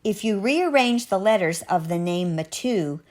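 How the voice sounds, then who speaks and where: In a mid-range, animated voice, a woman narrates a rhyming children's picture book as a storyteller. Her delivery is expressive, measured and dramatic, with sing-song emphasis.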